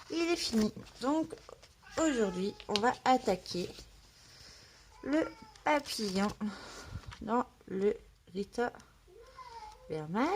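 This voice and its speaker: A woman's voice: on the high side, a little hiss or hum. A woman vlogging casually from home about her coloring, just woken up, talking hesitantly with lots of fillers. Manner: hesitant, many fillers, chatty. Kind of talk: casual vlog chat. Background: cat meowing.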